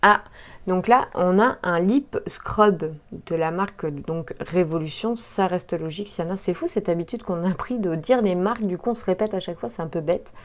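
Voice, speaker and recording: A woman's voice: lowish voice, normal speed. Chatty woman unboxing makeup. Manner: chatty, hesitant, many fillers. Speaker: beauty vlogger. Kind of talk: casual unboxing commentary.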